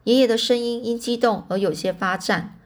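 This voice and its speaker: A woman's voice: fairly high pitch, moderate pace. A woman narrating a novel in a casual reading style, often restarting phrases and adding fillers.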